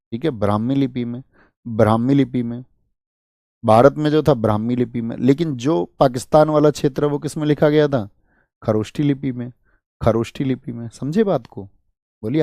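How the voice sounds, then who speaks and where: A male teacher from India giving a fast exam-prep history lecture, firing questions at students and answering them himself. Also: mid-range voice, dark tone, dry recording, clean studio sound.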